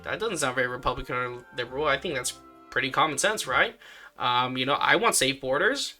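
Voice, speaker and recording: A man talking in a casual commentary vlog, rambling with many fillers and sudden jumps up in pitch. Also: lively intonation, brisk, sharp tone, faint music behind. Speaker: vlogger.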